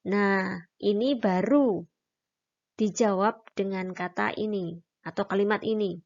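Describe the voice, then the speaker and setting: A woman's voice: mid-range voice, takes it slowly, darkish tone, muffled recording. A woman teaching a language lesson, patiently explaining and demonstrating each syllable aloud. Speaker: Mandarin teacher. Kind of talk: recorded online lesson.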